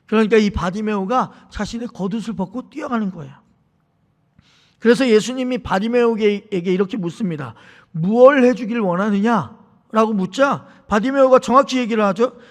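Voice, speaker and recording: A man preaching a sermon as pastor, telling stories and acting out the people in them, in a church sanctuary. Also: very high voice. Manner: storytelling, acting out the people in his examples. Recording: reverberant church hall.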